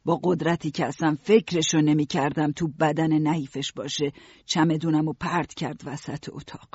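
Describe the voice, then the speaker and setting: A man narrating an audiobook in a steady first-person storytelling voice. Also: on the high side, slightly rough, no echo, dull audio.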